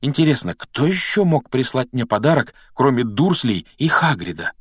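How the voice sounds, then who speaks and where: A man voicing a calm, modest boy wizard in a storybook reading, asking plain, quiet questions. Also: mid-range voice, moderate pace, husky, no room sound, clean studio sound, pitched above the performer's own voice.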